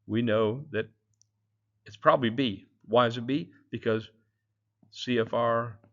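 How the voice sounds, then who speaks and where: A man's voice: mid-range voice, a bit bright, lo-fi sound. Chatty man teaching exam prep. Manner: chatty, loose, with many fillers and asides. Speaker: drone exam instructor. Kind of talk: casual exam-prep lecture.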